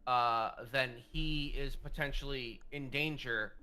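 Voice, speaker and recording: A man's voice: medium pitch, slow pace, bright, forceful tone, smooth. A man playing a tabletop game, talking casually and rambling with restarts. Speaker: player.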